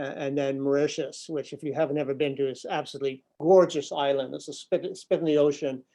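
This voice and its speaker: An older man who grew up overseas, a director of an environmental nonprofit and a speaker, gives an informal talk to a business group over a video call. His voice is medium-pitched and darkish, full of fillers and repeated words, picked up by a laptop webcam in an office room with a window.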